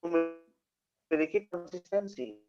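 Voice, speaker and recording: A man's voice: fairly high pitch, slow pace, a little mellow, faint music behind. Man's voice glitching on a choppy call. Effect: choppy, glitching video call audio that cuts out. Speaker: Islamic teacher. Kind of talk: answering questions in an online study session. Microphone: video call. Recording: dull lo-fi online call.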